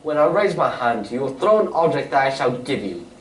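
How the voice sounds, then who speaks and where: A man playing Sherlock Holmes as a shrewd, commanding Victorian gentleman detective, speaking precisely and theatrically in a radio-style stage play. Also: mid-range voice, big pitch swings, fairly quick, lightly acted. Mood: brisk instructing. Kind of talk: old-time radio drama acting on stage. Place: community playhouse stage. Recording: roomy, distant stage recording, faint noise.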